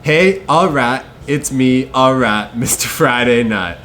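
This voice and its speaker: A man putting on a brash, crude comedy character who shouts his lines. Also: medium pitch, takes it slowly, a little hiss or hum, pitched above the performer's own voice. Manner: shouting crude one-liners.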